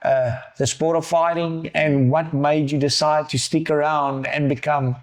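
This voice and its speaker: A man's voice: fairly high pitch, flat delivery, unhurried. A man with a South African accent, an MMA coach interviewing his fighter, who restarts and repeats words as he builds long questions. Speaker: MMA coach and podcast host. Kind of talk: podcast interview.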